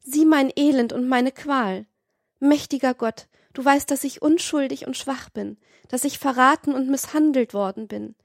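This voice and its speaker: A woman's voice: on the high side, normal speed, dry recording, clean studio sound, pitched above the performer's own voice, natural voice. A woman reading as a young, innocent, wronged woman who prays tearfully and pleads with heaven. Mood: pleading prayer. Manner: tearful, imploring prayer. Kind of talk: dramatized audiobook reading.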